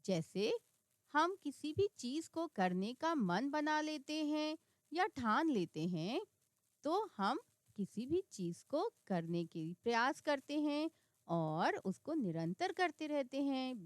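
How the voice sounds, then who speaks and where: A woman teacher giving a reading lesson for children, slowly and clearly sounding out words one by one. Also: high-pitched, no echo.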